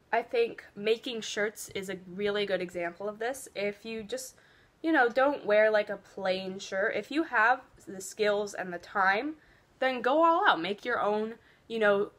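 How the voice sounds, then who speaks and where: A teenage girl chatting casually while doing her makeup, giving earnest cheer tryout advice with lots of fillers. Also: medium pitch. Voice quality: loud voice. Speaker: beauty vlogger. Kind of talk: casual get-ready-with-me chat.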